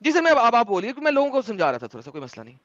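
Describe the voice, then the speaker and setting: A man hosting an online debate, lecturing forcefully and dropping English phrases into his speech. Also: extremely high pitch, wildly swooping pitch, racing, lo-fi sound. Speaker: debate host.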